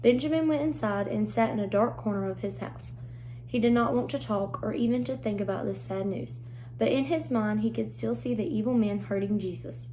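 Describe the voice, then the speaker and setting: A woman with a mellow, fairly high voice reads a children's story aloud, gentle and unhurried. A faint electrical hum sits under the recording. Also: rough recording. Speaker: reader.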